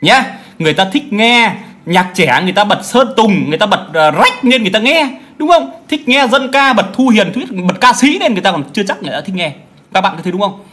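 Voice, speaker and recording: A man's voice: high-pitched, sing-song, fast talker, fairly bright tone. A man ranting bluntly and crudely to his viewers as a self-styled teacher, mocking them and asking "right?" again and again. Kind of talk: profane rant monologue.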